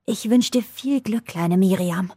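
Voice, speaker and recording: A woman voicing a frail, feverish old woman who is dying and speaks slowly, weakly and tenderly. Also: medium pitch, mellow, no echo, studio quality. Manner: slow, weak and tender. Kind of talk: audiobook dialogue.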